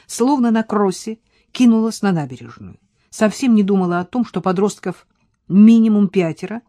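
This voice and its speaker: A woman narrating a novel as an audiobook reader, in an expressive, varied storytelling manner. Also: mid-range voice, no echo, studio quality. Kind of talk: scripted narration.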